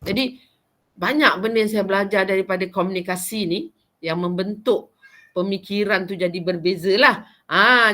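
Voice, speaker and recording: Bright-voiced woman vocal teacher. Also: medium pitch, slight background noise. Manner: earnest, acts out sample dialogues in a softer voice; gentle, reassuring with a student. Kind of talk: online vocal class teaching. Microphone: video call.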